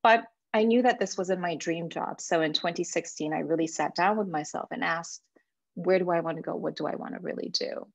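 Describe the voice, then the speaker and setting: A woman's voice: lowish voice, a little fast, gravelly, no echo. A woman in her forties from Japan, a life coach giving an earnest talk to alumni with a few fillers. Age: 40s. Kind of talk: presentation to alumni.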